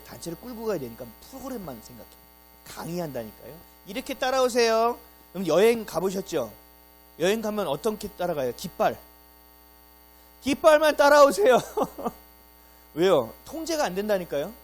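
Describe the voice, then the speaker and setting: Man, pastor, Sunday sermon, high voice, very expressive pitch, rhetorical questions. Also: rough recording. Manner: animated preaching, rhetorical questions, acted-out quotes. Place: church sanctuary.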